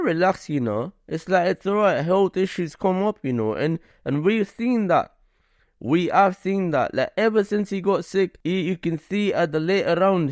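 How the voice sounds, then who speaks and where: A man's voice: fairly high pitch, no echo, studio quality. A man hosting a casual combat sports commentary vlog, talking in a loose, slangy way full of "like" and "you know".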